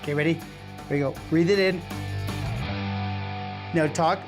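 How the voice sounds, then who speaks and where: Steady in tone and medium in pitch, a science show presenter speaks at normal speed during a live demonstration, music underneath. He eagerly encourages a helper and keeps posing rhetorical questions.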